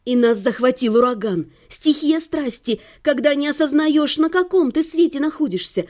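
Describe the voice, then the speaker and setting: A woman reads a humorous first-person story aloud in a homemade audiobook. Her voice sits high, with a mellow, soft-edged tone. She gives the narration a playful, ironic lilt and plays up the dramatic exclamations. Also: normal speed. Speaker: audiobook reader. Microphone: home recording.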